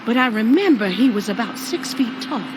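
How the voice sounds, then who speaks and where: A woman acts out a feisty older mother's ghost. Her voice is fairly high, blunt and sassy, full of grudge, in cartoon game style over clearly noisy ambience. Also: animated, normal speed, close to an everyday voice. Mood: vengeful. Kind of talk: cartoon video game voice acting.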